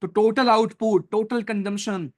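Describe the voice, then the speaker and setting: A man's voice: high-pitched, fairly even intonation, a little slow. A young man teaching a live online class, chatty and teasing, mixing English terms into his talk. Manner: chatty, teasing, addresses students as brothers and friends; mixes Hindi with English terms. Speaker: online exam-prep teacher.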